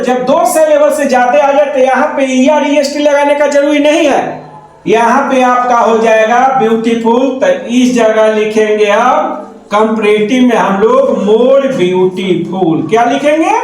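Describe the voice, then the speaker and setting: A man's voice: very high voice, darkish tone. Hindi-accented guy teaching grammar, keeps repeating stuff and quizzing himself, echoey room. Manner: repetitive, asks and answers his own questions. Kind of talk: classroom lesson explaining grammar.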